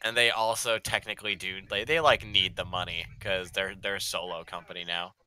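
A man's voice: sits low, steady tone, a little fast, pushed and bright, smooth. A man on a stream, rambling in casual, crude and joking chat.

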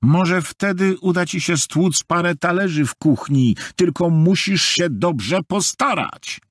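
A man voicing a mother who scolds her young son with slow, mocking sarcasm in an audiobook. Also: high voice, dry recording, clean studio sound, voice pushed up. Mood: sarcastic.

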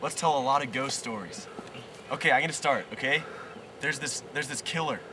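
A young man telling deadpan mock ghost stories to friends in a teasing, mock-solemn way. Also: medium pitch, fairly quick, background noise. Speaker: storyteller among friends.

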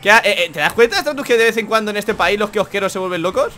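Young man, very high voice, loud playful gaming banter, faint background hiss. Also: lively intonation, fast. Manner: loud, laughing, swearing playfully. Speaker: gaming YouTuber. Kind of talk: casual gameplay banter.

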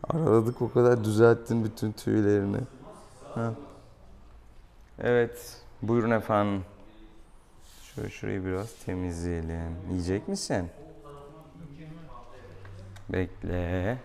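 A young adult veterinarian chats casually and playfully coaxes a pet while treating it in a small tiled exam room. His voice is on the low side, gravelly and a little mellow, with fairly even intonation, a measured pace and long pauses, picked up by a camera mic a few steps away in a noisy room.

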